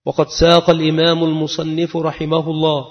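A man teaches a religious lesson as an Islamic lecturer, his voice fairly high, monotone and brisk. He chants verses melodically and reads scholars' definitions in a plain teaching tone. The audio is dull and lo-fi, with long reverb.

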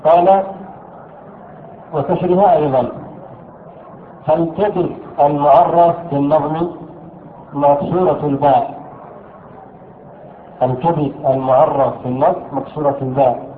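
A man teaching an Arabic grammar lesson. He asks his students questions, answers them himself and repeats key words slowly. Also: a little high, fairly even intonation, a little hiss or hum. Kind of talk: classroom lesson explaining a text. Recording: echoey room over a thin phone-like line.

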